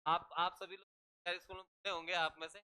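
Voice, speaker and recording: A man's voice: sits high, level tone, fairly quick, pushed and bright, smooth. A male teacher lecturing a classroom, drilling students with repeated questions and having them repeat after him.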